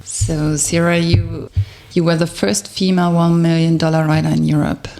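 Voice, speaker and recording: A woman hosting a podcast, interviewing her guest with brisk, short questions. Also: low voice, little pitch movement, vocal fry, darkish tone. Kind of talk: quick-fire interview questions.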